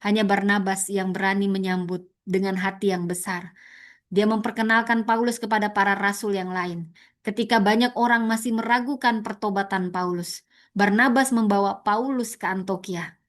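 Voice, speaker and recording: A woman preaching a sermon, animated, repeating words for stress and jumping high to mimic others. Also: moderate pace. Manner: animated, leaps to high pitch for emphasis and mock quotes; addresses listeners as "saudara", repeats words for stress.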